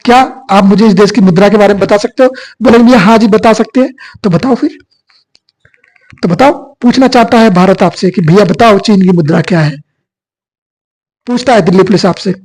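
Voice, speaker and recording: The voice sits high and a little mellow, moving slightly fast, and the recording is rough. It belongs to a male exam coach who lectures by repeatedly asking questions and supplying the answers himself.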